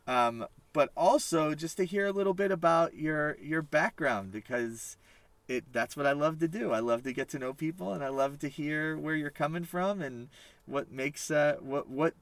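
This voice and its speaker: A man's voice: fairly high pitch, moderate pace, no echo. Chatty upbeat male podcast host. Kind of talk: casual podcast interview. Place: parked family van.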